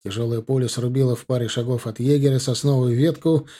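Dark, husky male audiobook narrator. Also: mid-range voice, steady tone, fast.

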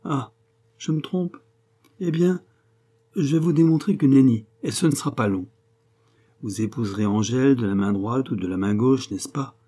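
A jaded man of letters mocks and lectures his younger friend in a raised, husky, dark voice, as a male reader puts him on. His tone is sarcastic and worldly. The voice is pitched well above the reader's own. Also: moderate pace, long pauses, natural voice. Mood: lecturing. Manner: mocking, lecturing, animated. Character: sarcastic worldly middle-aged male writer.

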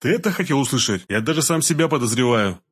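Narrator doing a stern, tense security man, husky and terse. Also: mid-range voice, animated, quick pace. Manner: terse, hard-edged.

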